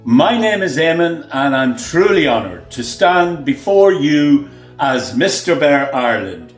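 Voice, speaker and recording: Man, 60s, fairly high voice, formal and measured, echoey room. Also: big pitch swings, faint music behind. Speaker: contest candidate. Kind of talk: prepared self-introduction.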